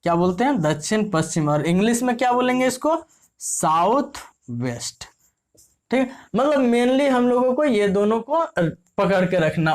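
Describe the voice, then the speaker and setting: A woman's voice: fairly high pitch, a little mellow. A woman teacher explaining a lesson, often asking and answering her own questions. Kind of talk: casual classroom explanation.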